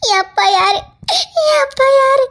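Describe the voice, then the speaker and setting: A high, sobbing young woman, played by a woman, cries out her grief in a Tirunelveli Tamil accent. Her voice is very high and wavers with tears. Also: brisk, fairly bright tone. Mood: tearful. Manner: tearful, wailing. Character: heartbroken young woman, orphaned and crying.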